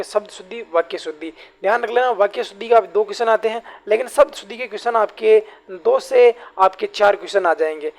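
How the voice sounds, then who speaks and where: A man teaching a Hindi grammar lesson for exam preparation, often calling his viewers companions, repeating key phrases and reading example sentences slowly. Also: sits high. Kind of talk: online exam-prep lesson.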